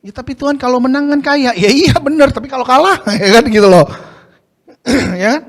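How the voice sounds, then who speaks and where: A man's voice: extremely high pitch, a little fast. A male pastor preaching a casual slang sermon, asking the congregation rhetorical questions.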